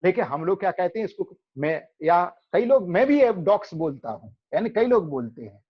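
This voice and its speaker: A man with an Indian accent teaching English pronunciation in an online class, explaining slowly and asking and answering his own questions. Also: sits high, sing-song, husky. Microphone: video call. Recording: dull lo-fi video call audio.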